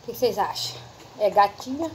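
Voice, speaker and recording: A woman's voice: mid-range voice, expressive, a little fast, a little hiss or hum. A woman vlogging casually at home, chatting to her viewers and cooing in baby talk at her puppies.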